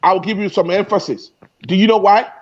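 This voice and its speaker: A man's voice: high-pitched, steady tone, brisk, highs cut off. A man debating heatedly in an online discussion, often repeating and restarting his phrases. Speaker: guest speaker in an online discussion.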